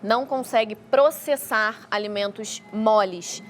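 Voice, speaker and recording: Unhurried and fairly high-pitched, this woman explains things on a talk show over faint background music. An expert in child feeding, she is from Rio de Janeiro, Brazil, and speaks Brazilian Portuguese with a Carioca accent.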